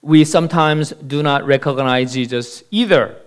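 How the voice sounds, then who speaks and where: A man preaching a sermon as pastor, telling a joke in a slow, deliberate storyteller's manner. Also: fairly high pitch, smooth.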